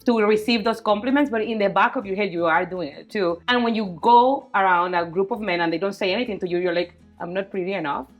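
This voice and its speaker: A young woman from Venezuela talking frankly in a casual group discussion, with lots of "like" and "you know". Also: mid-range voice. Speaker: panelist.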